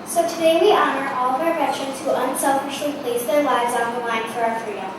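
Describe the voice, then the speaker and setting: A woman reading a formal ceremony script into a podium microphone, with measured announcing. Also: sits high. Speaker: ceremony reader. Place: large echoey school gym or hall. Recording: echoey, distant PA sound with background noise.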